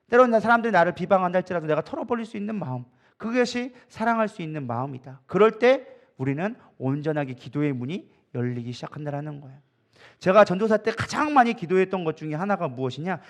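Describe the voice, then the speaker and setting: A man preaching as a pastor, telling stories with a joking, animated manner and acting out what others said. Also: high voice, vocal fry. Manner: animated, joking storytelling with acted quotes. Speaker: co-lead pastor. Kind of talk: sermon at an evening prayer meeting. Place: church sanctuary.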